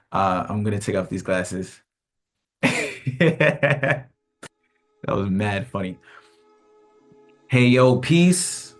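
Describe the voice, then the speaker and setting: A hip hop artist with a lowish voice talks casually to the camera in a vlog. He rambles, leans on slang, reflects on himself, and laughs often.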